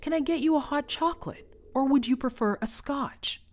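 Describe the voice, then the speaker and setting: A woman's voice: high-pitched, normal speed, voice pushed up, lightly acted. A woman voicing a polite robot butler that offers its owner a drink in a courteous, attentive servant tone. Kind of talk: scripted podcast narration.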